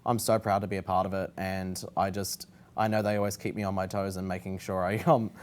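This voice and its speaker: A man's voice: deep voice, level tone, brisk. An Australian man chats casually as an interviewed drag performer, emphatic, irreverent and gushing. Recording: faint background noise and ambience.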